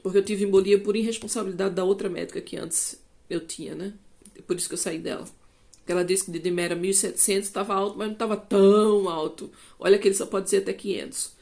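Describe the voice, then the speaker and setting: A Brazilian woman in her fifties with a Brazilian Portuguese accent, telling a personal testimony to her channel in an animated way. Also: medium pitch, fast, gravelly. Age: 50s. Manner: animated storytelling, acting out dialogue. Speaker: vlogger.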